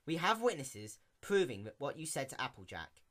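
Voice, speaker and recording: A man's voice: medium pitch, very animated, normal speed, fairly bright tone. A man voicing a stern, weary female pony mayor with a theatrical, lecturing delivery in a storybook reading. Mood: pleading, exasperated. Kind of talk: dramatic reading of fan fiction.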